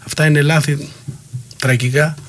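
A middle-aged man with a slightly high voice, recounting old stories as an interview guest. He rambles from one anecdote to the next and gets worked up, acting out what others said. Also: fairly even intonation, a bit bright. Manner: heated, rambling anecdotes with quoted dialogue. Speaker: guest, former wrestler. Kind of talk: interview storytelling.

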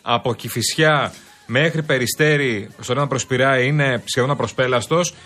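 A man co-hosting a radio show, teasing and reading traffic updates in a measured way. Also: mid-range voice, sharp tone. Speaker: radio co-host.

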